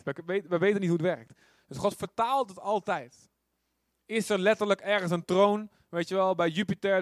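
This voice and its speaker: A man's voice: sits high, no echo. A man preaching an informal sermon who often asks rhetorical questions and tells the story with animation. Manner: animated storytelling with acted quotes. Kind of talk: conversational sermon.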